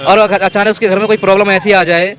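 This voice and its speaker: A man's voice: sits high, flat delivery, fairly bright tone. A young man arguing insistently in a street interview. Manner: fast, insistent, argumentative. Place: busy city street outdoors. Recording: noisy street crowd around. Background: crowd and traffic.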